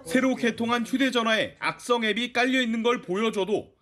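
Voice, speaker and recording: High-pitched male news reporter. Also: a little fast, fairly bright tone. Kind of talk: scripted news narration.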